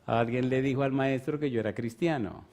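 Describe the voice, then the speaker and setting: Lively storytelling male pastor. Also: medium pitch, brisk. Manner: lively, conversational, teasing the congregation. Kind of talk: storytelling sermon.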